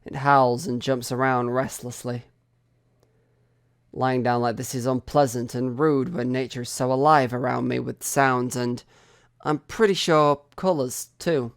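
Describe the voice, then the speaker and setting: A man reading a visual novel aloud in first person, slow and expressive, rising into anxious cries. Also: mid-range voice, smooth, no room sound.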